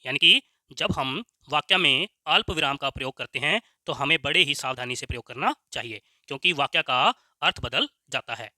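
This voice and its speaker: A man teaching Hindi grammar, dictating slowly and repeating words so students can write them down, often saying "ok ji". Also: mid-range voice, lively intonation, sharp tone, no room sound, studio quality. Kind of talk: slow dictation-style lesson.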